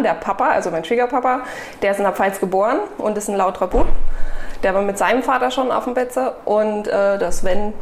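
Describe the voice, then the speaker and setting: A woman from eastern Germany, a guest in a casual interview, giving short cheerful answers. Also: mid-range voice. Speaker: guest, new player. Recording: echoey room with faint noise.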